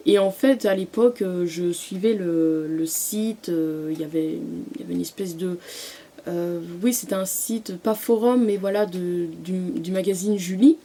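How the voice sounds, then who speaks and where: A young woman chatting casually about books she loves, often pausing, restarting and filling gaps with "euh" and "voilà". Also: fairly low pitch, dark tone. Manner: hesitant, many fillers and restarts. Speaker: book vlogger. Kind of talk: casual book review vlog.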